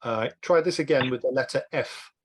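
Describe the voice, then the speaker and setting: A man guides a group through a word game on a video call. His talk is brisk and encouraging, and he keeps nudging the players to answer quickly. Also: medium pitch, a little hiss or hum. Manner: brisk, encouraging, urges speed. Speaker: online workshop host.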